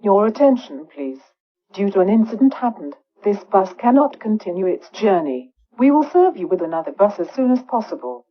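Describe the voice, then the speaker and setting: Lively woman's voice on a bus PA. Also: medium pitch. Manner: slow, careful, formal. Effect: played over a bus PA system. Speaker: recorded bus announcer. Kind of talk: scripted public announcement. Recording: dull lo-fi PA playback.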